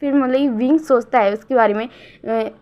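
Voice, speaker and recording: High-voiced woman telling a story. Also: darkish tone. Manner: halting, fills pauses with hmm. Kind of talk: casual story reading. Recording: dull lo-fi recording.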